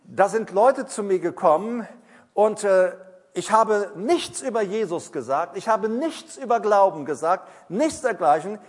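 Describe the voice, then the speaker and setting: Male pastor, high-pitched, emphatic preaching with repetition, recorded in an echoing hall. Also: animated. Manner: emphatic, repeats key phrases, slows down to read scripture. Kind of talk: sermon.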